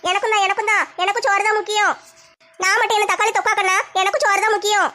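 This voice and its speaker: A woman's voice: very high-pitched, flat delivery, rapid-fire, over loud music. A woman performing a comedy skit, teasing and scolding in village banter.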